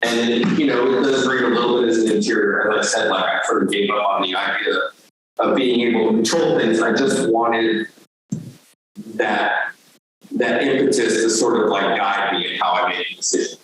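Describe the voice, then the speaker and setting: A man's voice: lowish voice, fairly even intonation, normal speed, a bit bright. A man from Vermont giving a casual lecture about his painting, talking loosely with many "like" and "um" fillers. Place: lecture hall. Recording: very echoey hall, heard from far off.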